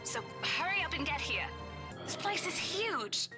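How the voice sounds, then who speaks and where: A sassy, high-pitched young skeptic. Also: female voice, sing-song, measured pace. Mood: admiring. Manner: teasing, brash. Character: sassy, impatient, skeptical young female realtor. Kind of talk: visual novel game voice acting. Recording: music behind the voice.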